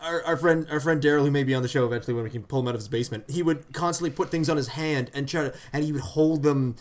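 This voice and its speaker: A man's voice: a little high, rapid-fire. Guy rambling through an old in-joke story, keeps restarting, chuckles a lot. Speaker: podcast co-host. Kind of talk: casual chat.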